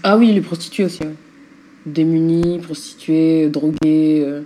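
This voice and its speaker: A woman who works in dubbing speaks frankly and conversationally in an interview. Her voice is mellow and dark. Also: low-pitched, steady tone, a little slow. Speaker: dubbing actress. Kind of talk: documentary interview.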